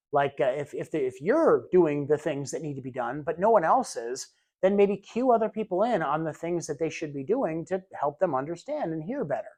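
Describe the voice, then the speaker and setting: Casual, chatty male training instructor. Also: on the high side. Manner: casual, conversational teaching with many fillers and asides; demonstrates slow exaggerated enunciation. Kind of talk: recorded classroom lecture.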